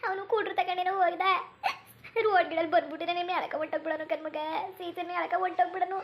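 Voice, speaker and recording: A woman's voice: extremely high pitch, fairly even intonation, racing, lo-fi sound. A woman voicing a protective village mother in a cartoon, lamenting and urging. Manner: lamenting, urgent warnings. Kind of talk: cartoon voice acting.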